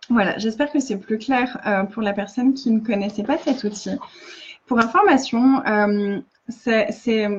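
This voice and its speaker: A woman's voice: on the high side, darkish tone, slightly rough, lo-fi sound. A woman facilitator giving earnest casual coaching in a live video, often restarting and repeating phrases.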